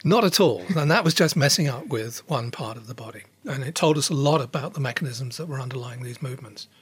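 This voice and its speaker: Husky male scientist explaining research. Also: mid-range voice, quick pace, fairly bright tone. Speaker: scientist being interviewed. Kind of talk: measured expert explanation.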